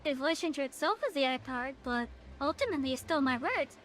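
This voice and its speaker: A game streamer chats casually during a livestream through an AI voice changer that makes them sound like a woman. The voice is high, expressive, fast, and a bit bright, and they often stumble over words and restart sentences.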